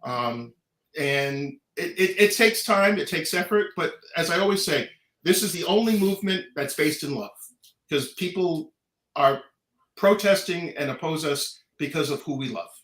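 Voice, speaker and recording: A middle-aged American man talking in an animated, earnest, casual way, emphatic and repeating phrases for stress. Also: a little high, normal speed. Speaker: Pride organizer and guest. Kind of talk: animated casual talk, earnest community advocacy. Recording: roomy, echoing live sound.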